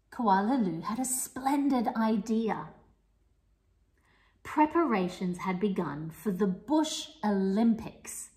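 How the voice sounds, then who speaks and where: A woman reading a picture book aloud to young children, playful and expressive, with sing-song rhymes and the odd whisper. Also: medium pitch. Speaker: children's storyteller and teacher. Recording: echoey room.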